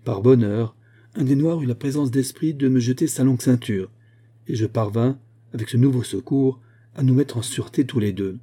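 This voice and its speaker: Brief: male audiobook reader, mellow dark tone, steady literary narration. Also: mid-range voice. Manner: measured storytelling reading. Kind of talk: scripted narration.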